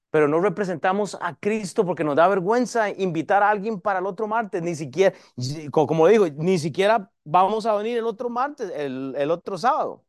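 A pastor with a high-pitched voice preaching a sermon. He speaks in a lively, varied way, and the dry, close sound carries no room echo.

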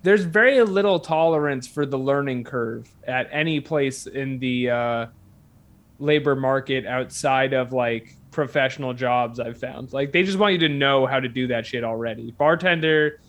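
A man's voice: mid-range voice, normal speed, fairly bright tone. A man chatting casually and comically, telling rambling anecdotes as a guest. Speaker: guest telling stories of odd jobs.

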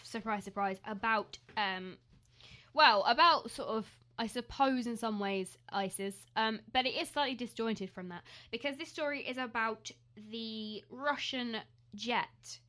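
Young female podcast co-host, bright and high-ish, chatty news banter. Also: measured pace. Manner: chatty, giggly, lots of ums. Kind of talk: casual news chat.

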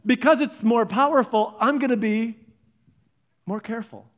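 A man preaching a sermon, animated and conversational, acting out quoted voices. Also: moderate pace, dull audio. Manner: animated, acts out quoted voices with big pitch jumps. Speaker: pastor.

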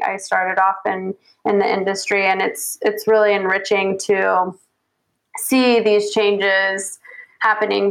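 A woman photojournalist from the United States answering interview questions in an earnest, measured way, with frequent restarts. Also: mid-range voice, fairly bright tone, low-quality recording. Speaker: guest photojournalist.

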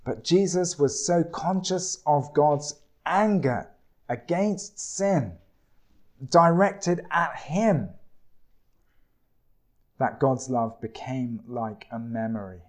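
Slow, deliberate male preacher. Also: fairly high pitch, animated, a little mellow. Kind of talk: sermon.

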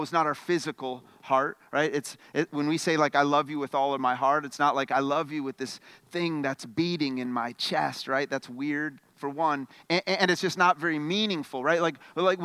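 Pastor guy preaching, high bright voice, keeps restarting words, dry close sound. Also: no room sound. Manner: repeats words at the start of phrases, conversational preaching; swings between loud emphatic bursts and quiet questioning. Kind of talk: sermon.

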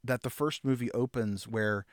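A man co-hosting a podcast in casual chat, earnest and halting, restarting his sentences often. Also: mid-range voice, fairly even intonation, dry recording, studio quality. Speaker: podcast co-host.

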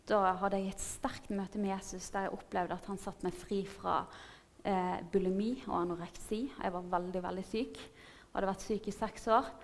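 Woman, 30s, earnest testimony speaker, lively, laughs easily, mid pitch. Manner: earnest, animated, laughs often, asks "sant?". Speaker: preacher giving testimony. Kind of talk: personal testimony talk.

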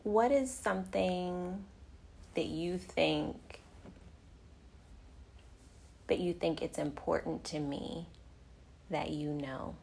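Woman, middle-aged, slow tender talk, gravelly low voice. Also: darkish tone, a little hiss or hum. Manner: slow, tender, often drops to a whisper. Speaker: podcast host and mother. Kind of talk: casual heartfelt conversation.

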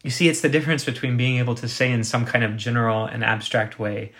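A man preaching a sermon, measured and emphatic, slowing down to dwell on quoted scripture. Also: medium pitch, flat delivery, a bit bright. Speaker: pastor.

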